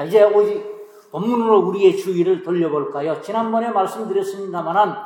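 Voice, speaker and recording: A male pastor delivering a sermon, posing rhetorical questions and answering them, with sharp swings between loud emphasis and quiet asides. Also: sits high. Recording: echoey hall.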